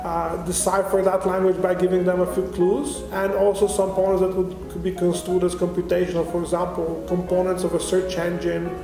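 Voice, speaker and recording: A man from Bulgaria, an olympiad organizer, explaining things in a measured interview answer. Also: high voice, completely flat delivery. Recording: roomy sound with music underneath.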